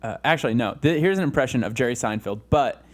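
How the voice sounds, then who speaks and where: A man's voice: medium pitch, lively intonation, quick pace. A young man co-hosting a casual comedy show, with a mid-range voice. He rambles, laughs at his own jokes and restarts his sentences often. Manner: rambling, giggly, with many restarts. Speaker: podcast co-host.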